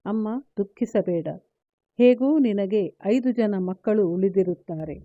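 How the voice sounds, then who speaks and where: Woman narrator voicing a grave warrior son, slow measured delivery, dry tinny sound. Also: medium pitch, dark tone, no echo. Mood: resolute. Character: grieving noble male warrior son, resolute. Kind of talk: read-aloud epic storytelling.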